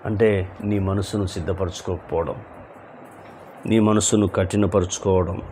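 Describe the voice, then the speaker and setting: Male pastor, slow deliberate sermon delivery, faint noise behind. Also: low-pitched, fairly even intonation, dark tone. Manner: preaching with repeated rhetorical questions and sudden emphatic rises. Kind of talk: evening sermon.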